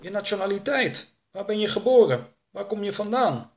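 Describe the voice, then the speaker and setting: Man voicing a raised-pitch young male sidekick, eager and deferential, storybook. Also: very animated, noisy background. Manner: dutiful, quick to obey. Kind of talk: audiobook character voice.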